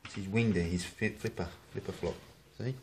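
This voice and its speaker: A man's voice: on the low side, steady tone, moderate pace, a little hiss or hum. A man with an Australian accent rambling casually in his kitchen, swearing freely and joking as he shows his hobby work. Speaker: hobbyist rod builder. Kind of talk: casual how-to video. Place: home kitchen.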